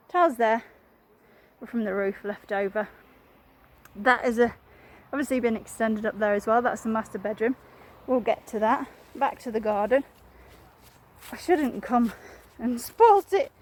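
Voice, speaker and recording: Breathy, high-voiced woman touring a house. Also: a little mellow. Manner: chatty and enthusiastic, addresses viewer directly. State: slightly out of breath from wearing a mask. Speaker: estate agent. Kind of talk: walk-through property tour. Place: house and garden, indoors and outdoors.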